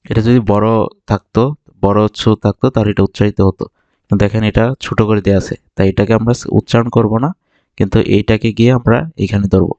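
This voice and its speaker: A man from Bangladesh teaching vocabulary, explaining patiently and repeating each word slowly for learners. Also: fairly low pitch, level tone, mellow, dry recording, lo-fi sound. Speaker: Japanese language teacher. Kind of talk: vocabulary lesson narration.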